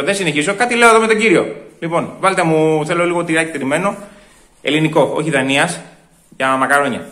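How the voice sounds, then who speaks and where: A man playing a fussy, complaining male shopper at a supermarket cheese counter, in a one-man comedy sketch, ranting loudly and muttering asides. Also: a little high. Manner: loud indignant ranting, repeats himself, muttered asides.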